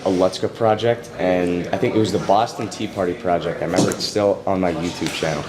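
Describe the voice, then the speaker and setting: A young man who anchors a student news show rambles through his answers, full of "like" and fillers. His voice sits a little low. A crowd chatters around him. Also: steady tone, brisk. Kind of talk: casual interview answers.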